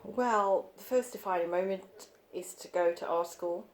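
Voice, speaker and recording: A woman in her forties, raised in Sweden, giving thoughtful, hesitant interview answers as an artist, with many pauses and ums. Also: medium pitch. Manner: thoughtful, hesitant, with frequent ums and light laughs.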